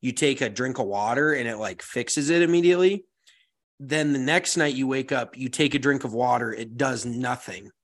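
A man's voice: mid-range voice, moderate pace. An American man with a stuffy, congested nose in a casual, slangy podcast chat, swearing freely. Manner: profane, slangy. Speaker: podcast co-host.

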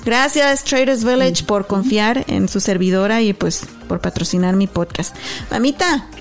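A woman hosting a podcast in casual chat, emotional and quick to laugh, mixing English into her Mexican-American Spanish. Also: mid-range voice, faint music behind. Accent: Mexican-American Spanish with English mixed in. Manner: warm, emotional, laughs often. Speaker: podcast host.

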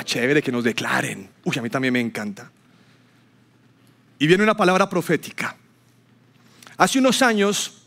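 This man speaks in a high, slightly bright voice as he delivers a sermon to his congregation. As a pastor, he leans on storytelling, raising his voice to act out the words of those he quotes.

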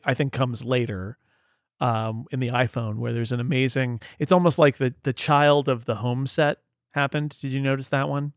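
A man's voice: mid-range voice, clean tone, no room sound, studio quality. A man co-hosting a podcast, talking casually and thoughtfully, often restarting his sentences as he thinks aloud. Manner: thoughtful, rambling, frequent restarts. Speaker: podcast co-host reporting from an event. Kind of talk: casual tech podcast chat.

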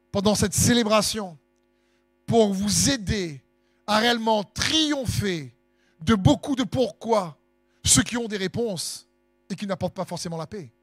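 A man's voice: high-pitched, no echo. A man preaching a sermon in an impassioned, sing-song way, letting his phrases swell for emphasis.

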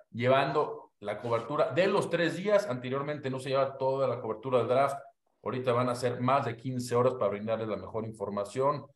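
A man, a sports reporter talking in an informative, talkative way. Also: medium pitch. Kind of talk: casual sports talk. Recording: roomy echo.

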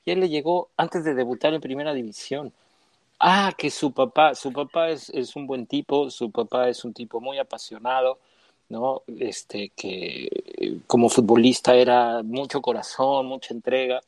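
A man on a football panel, sharing his opinions in an easy conversational way. His voice sits at a middle pitch, and the sound is dry and close. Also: normal speed, darkish tone, no room sound. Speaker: sports panelist. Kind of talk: casual sports chat.

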